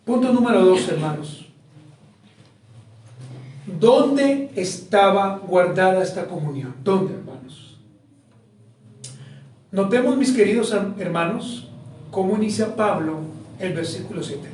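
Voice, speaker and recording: A man's voice: sits high, lively intonation, takes it slowly, long pauses, a little mellow, a little hiss or hum. A male pastor preaching an expository sermon in a church, often addressing the congregation directly and posing rhetorical questions. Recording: very echoey church hall, mic far off.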